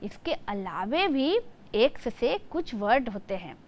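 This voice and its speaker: Woman, teacher, lesson for small children, very lively melody, slow pace. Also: on the high side. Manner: slow, sing-song teaching, spelling words letter by letter. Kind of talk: classroom lesson for young children.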